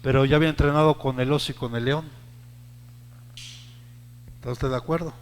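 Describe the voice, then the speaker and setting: A man, a pastor with a Mexican Spanish accent, preaching a sermon to his congregation, rising to shouted peaks and acting out the voices he quotes. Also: medium pitch, fairly even intonation, fairly quick, in a large hall, slight background noise. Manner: addresses the congregation directly with call-and-response prompts.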